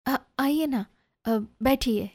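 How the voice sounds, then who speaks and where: A proud, restrained young mistress of a house, read aloud by a woman narrator. She speaks curtly and sharply, and her voice sits fairly high. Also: drawn-out words, full character voice. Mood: flustered. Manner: curt and sharp.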